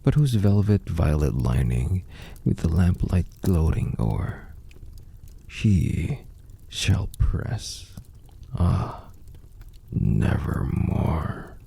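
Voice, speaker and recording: A man recites gothic verse in a very low, husky voice that often sinks toward breath. His delivery is theatrical and brooding, swinging widely in pitch and drawing out key words with a gravelly rasp. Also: big pitch swings, very slow, dark tone. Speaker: poetry reader. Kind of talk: dramatic gothic poetry recitation.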